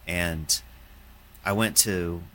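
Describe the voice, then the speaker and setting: A man, a painter, talking in a halting, reflective way, with many fillers and restarts. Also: sits low, sharp tone, slight background noise. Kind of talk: casual conversation.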